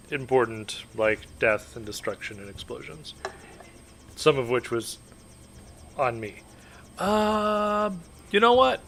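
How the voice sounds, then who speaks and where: A man's voice: mid-range voice, fairly bright tone. A man streaming a video game, making joking, sarcastic asides as he plays. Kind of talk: live game commentary.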